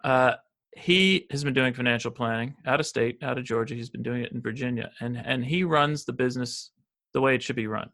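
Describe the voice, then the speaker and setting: A brisk, gravelly, mid-range voice with a slight brightness belongs to an American man in his fifties. He works as a financial advisor and, as a podcast guest in a casual interview, rambles with many fillers and restarts.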